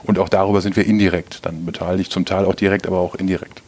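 A man in his fifties from East Westphalia, talking as an interview guest in a hesitant, measured way with many filler sounds. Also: deep voice, level tone, darkish tone. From East Westphalia, Germany. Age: 50s. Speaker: interview guest, business executive. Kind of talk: casual interview talk.

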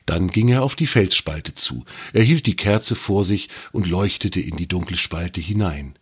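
A man narrating a children's story in an expressive, lively reading voice. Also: low voice, unhurried, husky.

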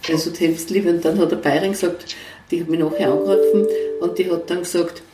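A woman's voice: on the low side, steady tone, brisk, over loud music. A woman, a guest coach telling earnest stories and quoting others in a conversational interview. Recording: roomy, somewhat distant mic.

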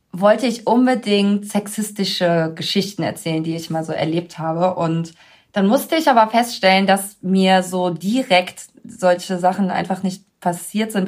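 A woman hosting a podcast in casual chat, talking freely and laughing often as she tells stories. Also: fairly low pitch. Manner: chatty, laughs often, lively storytelling. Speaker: podcast host.

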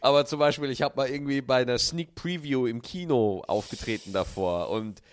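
A man, a comedian, talking in an animated way with quick asides and restarts in a casual chat. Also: medium pitch.

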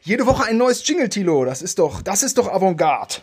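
A man's voice: high-pitched, very animated, brisk, breathy edge. A man co-hosting a podcast in casual chat, talking in a rambling, tongue-in-cheek way. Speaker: podcast co-host.

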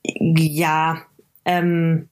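A woman with a slightly low voice tells a personal story in a relaxed conversational way. She hesitates a lot, filling gaps with small sounds and restarting her sentences as she goes. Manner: halting, many fillers and restarts. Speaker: interview guest.

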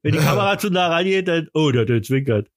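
A man with a German accent hosting a podcast in casual, teasing, excitable banter. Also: on the high side, quick pace. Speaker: podcast host.

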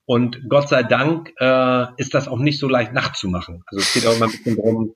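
A man being interviewed as a guest, explaining at length in a measured way with frequent fillers. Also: medium pitch, a bit bright, a little hiss or hum. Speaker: guest speaker and magician. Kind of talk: podcast interview answers.

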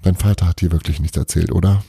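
A man's voice: low-pitched, fairly even intonation, fast talker, vocal fry, warm tone, slightly rough, no echo, studio quality, heavily acted. A man reading a storybook aloud, voicing a cheeky girl who insists on her wild tales in a playful, teasing manner.

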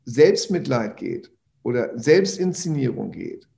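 A man's voice: mid-range voice, very animated, a little slow, gravelly, mellow. A man, a personal development trainer, talking animatedly in a casual podcast conversation, repeating words and swearing offhandedly.

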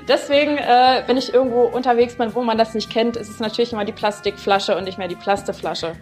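A woman's voice: on the high side, steady tone, quick pace, a little mellow, soft background music. A young woman with a Brandenburg accent, chatting casually and explaining things in a matter-of-fact way. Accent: Brandenburg German. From Brandenburg, Germany. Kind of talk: casual chat.

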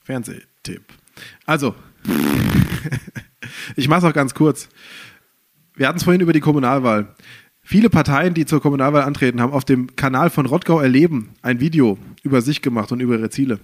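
A man's voice: medium pitch, lively intonation, moderate pace, pauses often. A man hosting a casual podcast, teasing and upbeat. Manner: teasing, upbeat, wraps up the show. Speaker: podcast host.

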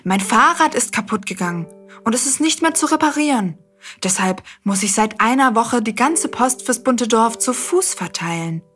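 Eine Frau spricht einen alten, erschöpften Postboten, der außer Atem ist. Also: female voice, on the high side, lively intonation, moderate pace, a bit bright, soft background music. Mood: weary. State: out of breath. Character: old, worn-out male postman.

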